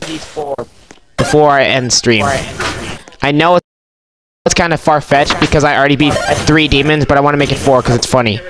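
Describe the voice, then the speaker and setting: A man's voice: fairly high pitch, moderate pace, pauses often, noisy background. A young man streaming a game, chatting casually and joking with a friend. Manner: joking, playful. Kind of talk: casual gaming chat. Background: game music.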